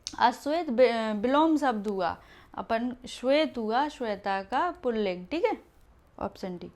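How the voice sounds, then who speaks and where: A woman's voice: on the high side, animated, measured pace, darkish tone. A woman teaching Hindi grammar for an exam, explaining each answer step by step and checking in with "ठीक है" after each point.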